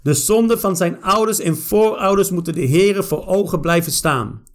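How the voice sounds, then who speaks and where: Man, pastor, high voice, fervent spoken prayer, insistent repetition. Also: normal speed.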